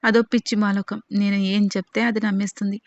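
A woman's voice: medium pitch, level tone, fast talker, no room sound, lightly acted. A woman voicing a scheming middle-aged man who mocks and dismisses others, in a dull lo-fi recording. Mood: scornful. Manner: mocking, dismissive.

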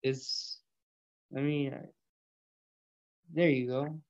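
A young Colombian man draws out his words in a slightly mellow, mid-range voice with little pitch movement. Hosting an online audio room from a small indoor room, he chats loosely about food and math, cursing freely and dropping "bro" and "yo" in a laid-back way. The recording is muffled, with no room sound.

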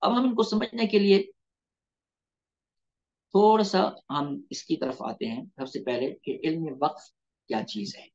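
A man's voice: high-pitched, sing-song, a little slow, long pauses, a little mellow. A male Islamic scholar teaches Quran recitation over a phone call, with a slightly raised voice. The audio is dull and lo-fi. He explains step by step, repeating terms and checking in with his listeners. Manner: explanatory, repeats key terms, asks rhetorical questions. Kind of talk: online lecture with Quran and hadith recitation. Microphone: mobile phone on a video call.

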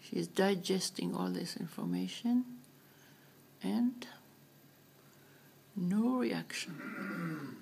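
A woman's voice: fairly low pitch, lively intonation, drawn-out words, creaky, long pauses, a little mellow, slight background noise. A woman talking casually to a pet parrot, repeating words in a singsong way in a home kitchen. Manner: repetitive, singsong pet-directed talk. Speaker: parrot owner. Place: small home kitchen, indoors.

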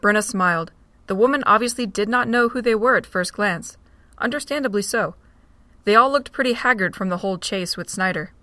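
Brief: woman narrator for a fan audio drama, even and steady, dry close recording. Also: mid-range voice, a little fast, dry recording.

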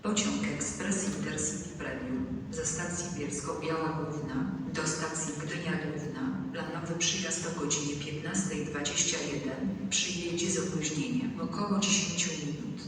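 A station announcer reading scripted train announcements over a railway station loudspeaker in a measured, formulaic way. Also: mid-range voice. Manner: measured, formulaic, evenly paced. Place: large railway station platform. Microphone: public address loudspeaker recorded from a distance. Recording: echoey station hall from far off, noisy. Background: station ambience noise.

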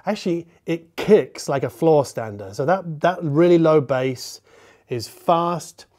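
Speaking slowly and expressively in a slightly high voice with a dark tone, a forties-aged audio reviewer presents a product to camera. He explains it informally, one step at a time, inside a medium living-room listening space.

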